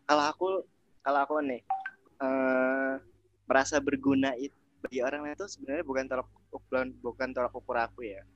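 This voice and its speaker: A man's voice: medium pitch, little pitch movement, fairly quick, no echo. A man speaks in a casual group chat, telling his story hesitantly and reflectively. The recording is dry and slightly dull. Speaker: discussion panelist.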